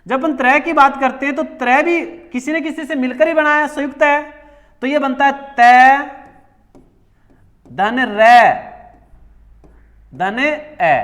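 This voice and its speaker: Man, very high voice, grammar teacher, repeats words, quizzes himself aloud. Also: sharp tone. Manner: repeats key words, asks and answers himself. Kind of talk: classroom grammar lesson. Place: coaching class.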